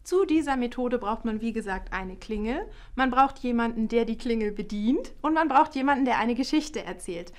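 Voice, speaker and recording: A middle-aged woman, a professor, speaking in a lively scripted video trailer, recorded in a studio on a lapel mic. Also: fairly high pitch, moderate pace, hardly any pauses. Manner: lively, standing and gesturing while talking. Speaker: art education professor, keynote speaker.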